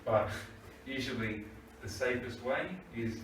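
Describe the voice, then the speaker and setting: Male English teacher, patient, slow, echoey classroom with the mic far away. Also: medium pitch, fairly bright tone, a little hiss or hum. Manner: patient, checks in with frequent "right?". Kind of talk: classroom grammar explanation.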